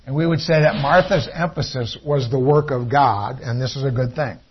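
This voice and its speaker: A man's voice: mid-range voice, moderate pace, noisy background. A man preaching a sermon in an earnest teaching tone, often restarting his sentences. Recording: dull lo-fi recording.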